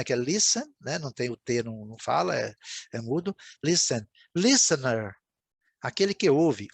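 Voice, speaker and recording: A man's voice: on the high side, no echo. Man teaching English in a dry room. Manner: explanatory, repeats words and checks with "né, gente?". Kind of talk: recorded video lesson.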